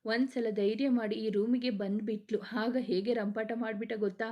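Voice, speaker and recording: Woman doing chatty young sister, gossipy and hurried, fairly high voice, storybook. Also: steady tone, highs cut off, natural voice.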